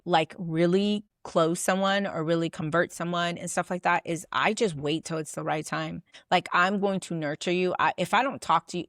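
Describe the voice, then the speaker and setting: A woman's voice: low-pitched, no room sound, studio quality. A woman business coach teaching to camera in a casual, chatty way, often filling her talk with "like.". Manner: chatty, loose, fills with "like"; acts out sample messages.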